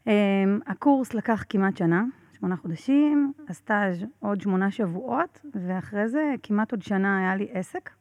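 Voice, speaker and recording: A woman, a podcast guest, telling a story in a casual interview, animated and laughing often, with lots of fillers. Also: mid-range voice, few pauses, dry recording.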